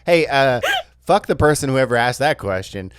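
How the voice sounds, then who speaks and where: A man's voice: mid-range voice, lively intonation, normal speed, smooth, dry recording. A man co-hosting a podcast, laid-back and hesitant, full of "uh"s, swearing casually. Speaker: podcast co-host. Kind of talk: casual chat.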